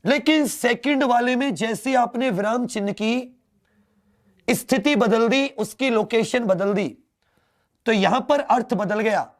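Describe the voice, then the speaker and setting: A man teaching a Hindi grammar lesson, repeating key words and asking them back to the students. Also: extremely high pitch. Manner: slow, drawn-out delivery.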